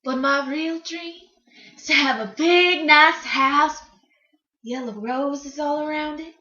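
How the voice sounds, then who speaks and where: In a stage monologue, a woman portrays a country singer who is both dreamy and defiant, telling her story folksily and dramatically, with hesitant pauses. The very high, bright voice is heavily acted, and the recording sounds roomy and a bit dull.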